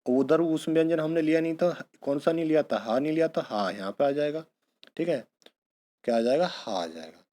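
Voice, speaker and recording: Warm-voiced male grammar teacher quizzing himself. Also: on the high side, expressive, moderate pace. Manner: asks questions and answers them himself; addresses students fondly as bhaiya and beta. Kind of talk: exam-prep lesson.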